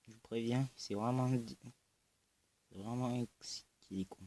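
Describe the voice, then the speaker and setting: A man with a southern French accent giving casual, excitable gaming commentary, often breaking into loud exclamations and swearing. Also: mid-range voice, measured pace. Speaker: gamer.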